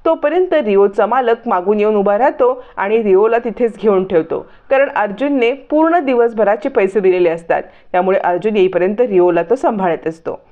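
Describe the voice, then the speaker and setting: A woman retelling a TV serial episode as a storyteller, in a steady, matter-of-fact way. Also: mid-range voice, normal speed, few pauses, narrow, tinny audio.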